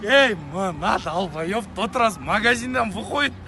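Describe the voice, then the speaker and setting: A man's voice: high-pitched, lively intonation, moderate pace, over music. A man playing an irritable, foul-mouthed young street guy, ranting in thuggish slang in a comedy sketch.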